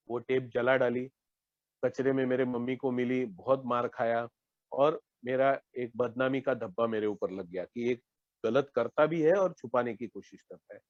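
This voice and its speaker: A man's voice: mid-range voice, dry recording. Indian guy sharing his story on a dull lo-fi call, dry sound, plain mid voice. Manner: earnest storytelling, acts out his own past dialogue. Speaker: recovering alcoholic sharing at a meeting. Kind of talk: personal recovery share. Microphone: online meeting call. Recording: dull lo-fi online call audio.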